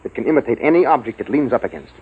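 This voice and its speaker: A man's voice: medium pitch, lively intonation, racing, breathy edge. An actor playing an urgent male major who leads a station through a crisis, in 1950s radio drama style on a tinny old broadcast. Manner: urgent, explanatory. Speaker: base officer and scientist.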